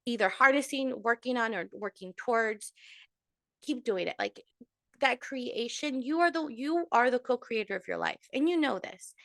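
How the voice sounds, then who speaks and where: A woman's voice: on the high side, a bit bright, no room sound, clean studio sound. A woman giving a casual monthly tarot reading to her followers, chatty and full of fillers, sprinkling in Spanish endearments. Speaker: tarot reader.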